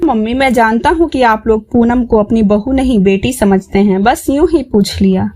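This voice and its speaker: Brief: caring young husband in a storybook, a woman voicing him, fairly high. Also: moderate pace, warm tone, close to an everyday voice.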